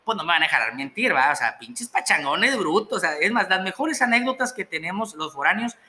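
A man's voice: high-pitched, very animated, brisk, sharp tone. A young man with a Mexican accent telling a story in casual, profane, slang-heavy chat and laughing as he goes.

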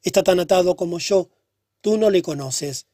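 A man reading the part of a pale, troubled young woman who speaks softly and sadly. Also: on the low side, normal speed, no room sound, clean studio sound, lightly acted. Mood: pleading. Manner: soft, subdued and hushed.

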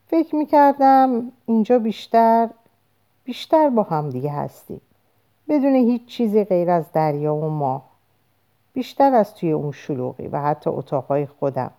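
A woman's voice: medium pitch, warm tone, pitched above the performer's own voice, close to an everyday voice. A woman reading a storybook aloud, voicing a carefree, easily anxious young woman who pleads in a raised voice.

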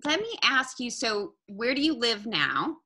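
A woman's voice: on the high side, sing-song, a little slow, bright, forceful tone, breathy edge. A woman hosting a casual interview who talks in an effusive way, with frequent exclamations. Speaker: interview host, model agent.

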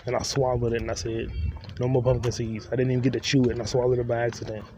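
A young man hosting a podcast talks fast in a flat, slightly mellow mid-range voice, loosely joking to himself as he rambles through a solo monologue. He records on his phone while walking city streets, traffic audible behind him.

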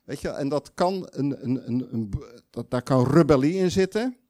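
A man's voice: medium pitch, lively intonation, a little slow, mellow. A man preaching a sermon in a conversational, emphatic way, putting questions to the audience and acting out quoted voices.

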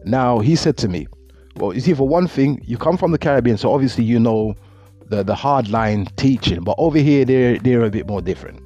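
A middle-aged Jamaican motivational speaker earnestly gives advice in a reflective monologue, often repeating words. His medium-pitched voice is dark, animated and brisk, captured in dull lo-fi audio with faint music.

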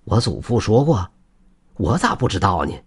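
A man's voice: lowish voice, huge pitch swings, normal speed, darkish tone, breathy edge, full character voice. A man doing a blunt old farmer. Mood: earnest. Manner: blunt, plain-spoken. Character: old male farmer, gruff then remorseful.

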